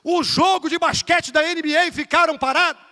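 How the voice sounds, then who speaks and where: A man with a Rio de Janeiro Portuguese accent preaches a lively evangelical sermon in a high, bright, forceful voice. He is emphatic, swinging between loud bursts and quiet asides, and keeps calling the congregation dear brother. The sound carries the long reverb of a church hall. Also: normal speed. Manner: addresses listeners as dear brother, asks for amens. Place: church sanctuary.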